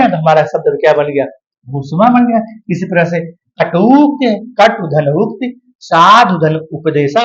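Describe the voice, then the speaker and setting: Male tutor, patient drawn-out explanations, muffled lo-fi sound. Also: sits high. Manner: drills words slowly syllable by syllable, addresses viewers as dear ones. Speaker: Hindi grammar teacher. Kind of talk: video lesson. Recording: dull lo-fi sound.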